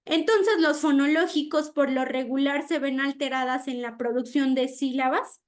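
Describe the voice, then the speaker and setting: A woman's voice: high voice, fairly even intonation, moderate pace. A woman giving an online speech therapy lecture. She explains with everyday examples, often checks in with "¿no?", and acts out how children mispronounce words.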